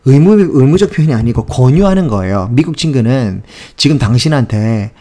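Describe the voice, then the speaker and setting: A man's voice: mid-range voice, expressive, moderate pace, dark tone. A man teaching English grammar in casual Korean, speaking with passion and exasperation and mixing in English phrases. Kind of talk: casual spoken lesson.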